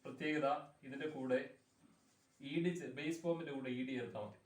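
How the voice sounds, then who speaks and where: A man's voice: mid-range voice, steady tone, moderate pace, distant mic. A man teaching grammar in Malayalam. He speaks, patiently repeats word forms and keeps checking that the class follows. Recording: echoey room, voice from afar.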